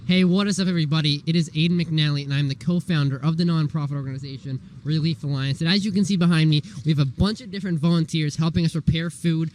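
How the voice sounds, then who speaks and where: Man, enthusiastic host, fast talker, fairly high voice. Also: fairly even intonation, darkish tone, a little hiss or hum. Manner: upbeat, enthusiastic. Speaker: nonprofit co-founder, host. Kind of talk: energetic video intro. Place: outdoor volunteer event.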